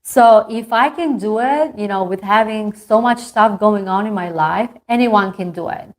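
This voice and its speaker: A woman's voice: mid-range voice, normal speed. A woman speaks as a business coach to an online group. Her delivery is chatty and heartfelt, full of casual fillers. She sounds like she is talking on a video call. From Albania. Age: 30s. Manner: chatty and earnest, many fillers. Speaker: marketing coach and company founder. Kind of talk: motivational talk to an online group.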